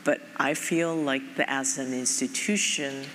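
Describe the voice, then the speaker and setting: A middle-aged woman from Japan who leads a foundation joins an onstage conversation at a large conference, her rumbling low voice a bit bright and fairly even in intonation. She speaks in a thoughtful, measured way, filling gaps often, amid hall reverb and faint noise.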